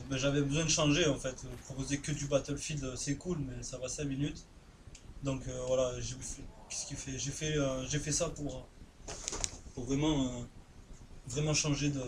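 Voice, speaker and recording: A man in his twenties speaks with a southern French accent in a slightly high voice. He rambles through live gameplay commentary in loose, crude slang. His talk is full of fillers and restarts. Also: slight background noise. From southern France. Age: 20s. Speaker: gaming YouTuber.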